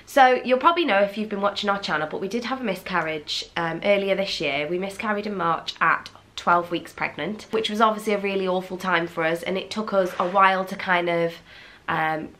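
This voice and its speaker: A young English woman vlogger chats candidly to camera with a blocked, fluey nose. Her medium-pitched voice is brisk and a bit bright, full of fillers and restarts.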